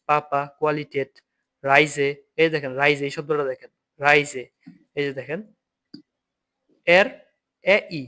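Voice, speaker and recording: A young man with a somewhat raised voice teaches German to Bengali speakers in an online class. He spells out letters slowly, repeats each word several times, and keeps checking that his listeners follow. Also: fairly high pitch, a bit bright. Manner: explains patiently, repeats letters and words, checks with "ঠিক আছে?". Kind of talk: online language lesson.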